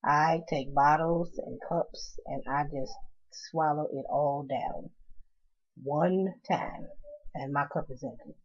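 A woman's voice: sits low, steady tone, takes it slowly. A middle-aged woman vlogging casually to camera, frank and chatty, grumbling and laughing as she talks. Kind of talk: casual vlog talk to camera. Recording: dull lo-fi home video sound.

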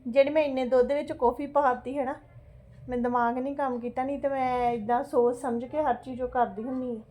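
A middle-aged Punjabi woman with a high, soft-edged voice tells a story to her vlog viewers. She is fretful and exclamatory, circling back over her points and tagging phrases with little questions for agreement. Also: steady tone, fast. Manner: fretful and exclamatory, repeats herself, seeks agreement with tag questions. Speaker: home vlogger. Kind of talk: casual chatty storytelling to viewers.

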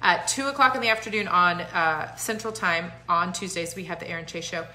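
A woman in her thirties talks into a phone at arm's length in her living room, hosting a live stream. Her voice is bright and forward, and her manner is chatty and encouraging, with lots of fillers. The room adds a noticeable echo. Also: fairly low pitch, a little fast. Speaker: host. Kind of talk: casual live-stream talk. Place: home living room, indoors.

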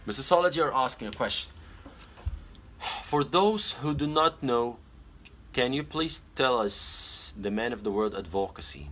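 Holding his phone camera at arm's length in a small bedroom, a young pageant titleholder who grew up speaking Arabic goes live, reads out comments, and gives sincere advice, often pausing on fillers. He sounds medium-pitched, expressive, and a bit bright.

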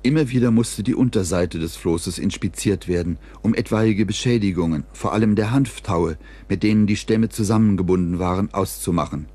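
A man reading scripted documentary narration in a measured, even storytelling delivery. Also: lowish voice.

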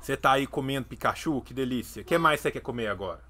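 A man's voice: mid-range voice, lively intonation, fast talker, bright, forceful tone, a little hiss or hum. A Brazilian man in his thirties hosting a live reaction stream. He talks playfully and stresses his points with ironic asides, and his voice bounces up and down.

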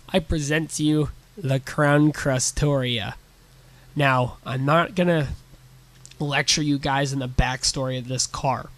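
A man's voice: mid-range voice, fairly bright tone. A young man with a nasal, stuffed-up voice from a sinus infection, giving a blunt, casual car review with some swearing.

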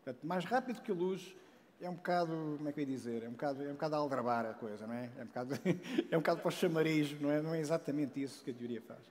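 A man in his forties with a European Portuguese accent gives a casual public science talk on a big auditorium stage through a headset mic. His fairly high voice races along, animated and full of restarts, "não é?" tags and joking asides, with long hall reverb and slight background noise.

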